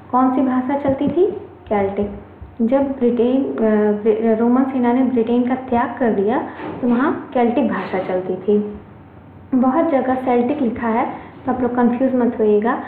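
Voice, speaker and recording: An Indian woman with a higher voice teaches an online English class, mixing Hindi and English in a chatty, reassuring lecture that goes back over each point. Her voice sounds tinny and phone-like, echoing in a room with faint background noise.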